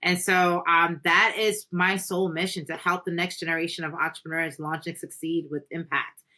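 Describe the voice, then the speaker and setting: A woman raised in the Caribbean speaks as an interview guest, earnest and motivational. Her voice is bright and forceful, pitched a little low for a woman. She fills her talk with "you know" as she builds her points. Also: steady tone, moderate pace. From Caribbean, Haiti. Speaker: podcast guest, entrepreneur. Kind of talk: conversational interview.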